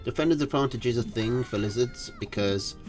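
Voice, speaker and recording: A man's voice: medium pitch, a little fast, faint music behind. A man casting a live strategy game tournament, casual and analytical, thinking aloud with fillers. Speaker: tournament caster.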